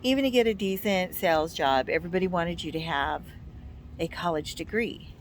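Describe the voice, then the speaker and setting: A woman's voice: on the low side, normal speed, a little hiss or hum. An American woman in her fifties chatting casually and giving blunt, emphatic, complaining opinions. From United States. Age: 50s. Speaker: vlog co-host.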